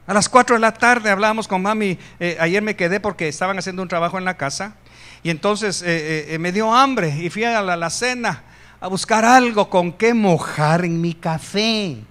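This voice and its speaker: Guatemalan preacher, high male voice, lively sermon with punchy emphatic peaks and humorous asides. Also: normal speed. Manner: animated preaching, rising loud for emphasis, joking asides. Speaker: pastor.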